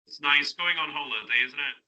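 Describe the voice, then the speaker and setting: A man's voice: fairly high pitch, brisk, bright, forceful tone, low-quality recording. A man, chatting as an interview guest and asking friendly tag questions. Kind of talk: casual interview chat. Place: classroom radio studio.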